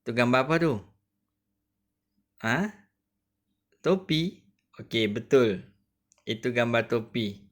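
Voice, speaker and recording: A young man with a Malaysian Malay accent teaches an online spelling lesson, sounding out each syllable with patient care. His pitch sits at an ordinary middle height, and his delivery is slow and unhurried. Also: lively intonation. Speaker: primary school teacher.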